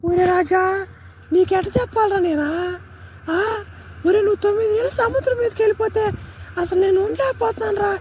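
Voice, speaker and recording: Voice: a little fast, long pauses, a little mellow, slight background noise. A voice actor playing a young village woman, a worried sweetheart in a comic cartoon spoof, scolding and emotional. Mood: anxious. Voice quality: very high, shrill cartoon voice.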